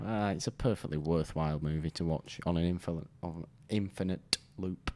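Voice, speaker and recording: Deep-voiced deadpan British man. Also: a little fast, slight background noise. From Britain. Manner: dry, deadpan humor. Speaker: podcast guest. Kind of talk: casual chat.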